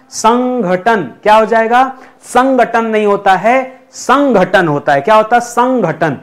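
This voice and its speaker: High-voiced male Hindi spelling teacher. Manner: repeats questions to the class, addresses viewers as friends; drills each word slowly, syllable by syllable. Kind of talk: spoken spelling lesson.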